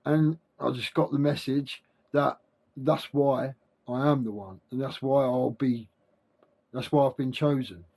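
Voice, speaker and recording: A man speaking without his teeth, with soft gummy consonants, giving a halting, repetitive, informal spiritual monologue to camera. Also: mid-range voice, fairly even intonation. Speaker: self-help video creator.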